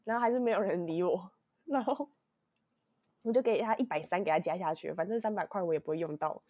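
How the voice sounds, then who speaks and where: A young woman with a Taiwanese Mandarin accent hosts a podcast, telling a rambling story full of restarts and acted-out quotes in casual chat. Illness has left her voice weak. It's lowish and dark, she talks fast, and the recording is dry.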